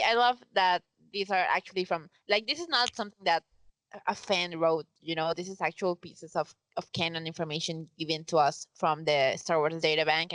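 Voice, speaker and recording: A woman's voice: fairly low pitch, a bit bright, no room sound, poor audio. A woman co-hosting a fan podcast in easy, casual chat. She is emphatic and often sarcastic, and she peppers her talk with "like" and "you know". Her voice sounds close and dry, with almost no room sound. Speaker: podcast co-host.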